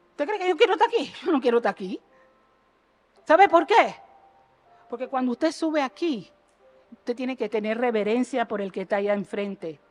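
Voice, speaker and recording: A woman delivers a fiery sermon to her congregation in a church sanctuary, peppering them with rhetorical questions. Her delivery jumps between loud exhortation and quiet, earnest asides.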